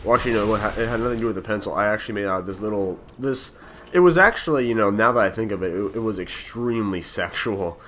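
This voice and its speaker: A man's voice: fairly low pitch, quick pace, fairly bright tone, slight background noise. A young man telling a story from his school days over game footage, rambling with many fillers and restarts. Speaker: gaming channel host. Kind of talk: casual storytelling over gameplay.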